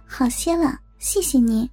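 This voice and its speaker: A woman voicing a gentle young daughter-in-law, tender and coy, in an audio story. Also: high-pitched, slow, soft background music. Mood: soft, polite.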